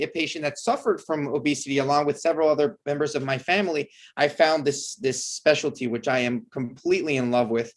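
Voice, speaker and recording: A man in his thirties, born in El Salvador and speaking English as a second language, talks through his work as a surgeon. His voice sits a little high for a man, and he speaks earnestly and with enthusiasm, often restarting his sentences. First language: Spanish. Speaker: bariatric surgeon guest. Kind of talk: interview answers.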